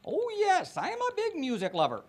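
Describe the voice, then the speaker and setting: A woman's voice: extremely high pitch, huge pitch swings, fairly quick, very noisy, heavily acted. A woman voicing a bumbling, overconfident male spy chief, boasting earnestly in a parody news interview. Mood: boastful.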